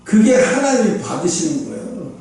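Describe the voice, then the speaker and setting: A male pastor preaches in a high voice, asking his congregation question after question. His delivery jumps between loud outbursts and quiet asides. The sound rings heavily in a church hall, picked up from well back. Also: moderate pace. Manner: animated preaching, swings from loud bursts to low asides; speaks directly to the congregation with rhetorical questions. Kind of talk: sermon. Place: church sanctuary. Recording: echoey church hall, mic at a distance.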